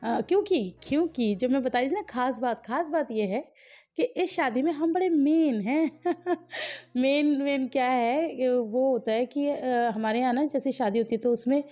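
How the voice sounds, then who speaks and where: A woman's voice: high-pitched, measured pace, mellow, muffled recording. A woman vlogger in a chatty voice-over, talking straight to her viewers and quizzing them as she narrates family wedding footage.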